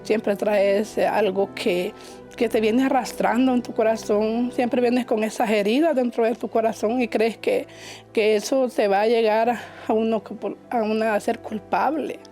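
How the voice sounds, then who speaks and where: A woman from Honduras, giving a personal testimony in church in an emotional, halting way, often repeating her words. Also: on the high side, fairly even intonation, mellow, faint music behind.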